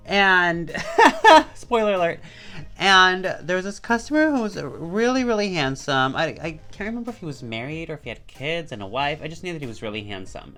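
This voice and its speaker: A man chatting through a beginner makeup tutorial, self-mocking and swinging between loud and soft. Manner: chatty and self-mocking, with big jumps in pitch and loudness. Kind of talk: casual makeup tutorial chat.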